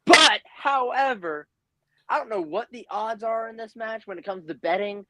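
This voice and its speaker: A man's voice: sits high, animated, normal speed, pushed and bright, no echo. A man bantering as a wrestling show panelist, cocky and emphatically repeating himself, on a noisy mic. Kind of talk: bantering in-character panel talk. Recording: clearly noisy mic with clicks.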